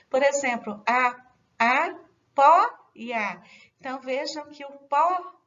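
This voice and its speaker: A woman's voice: sits high, a bit bright, lo-fi sound. A woman with a Brazilian Portuguese accent teaching an online writing lesson, explaining patiently, repeating and rephrasing points and speaking straight to her students.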